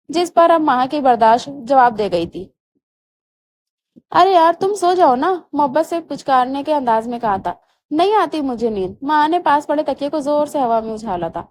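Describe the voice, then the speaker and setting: A woman narrates a romance novel aloud at a steady storytelling pace. Her voice sits high. A faint low noise runs beneath the reading.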